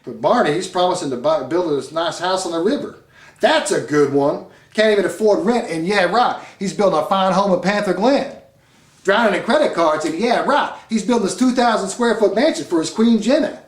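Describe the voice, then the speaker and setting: A man's voice: sits high, expressive, moderate pace. An actor playing a gossiping redneck man in court-ordered therapy, rambling in folksy broken grammar. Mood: mocking. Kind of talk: comedic web series acting. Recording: echoey room, mic at a distance.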